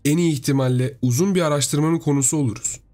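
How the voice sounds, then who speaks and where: A man narrating a horror story in a steady, storytelling delivery. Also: fairly high pitch, quick pace, soft background music.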